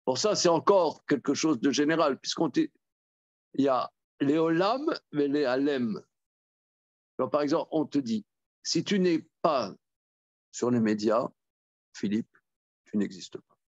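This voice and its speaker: A man, a rabbi, teaching a Torah study class. He reads verses aloud, then explains them in a halting way with many repeated words. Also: medium pitch, lively intonation, no echo, muffled recording. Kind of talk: Talmud study lesson.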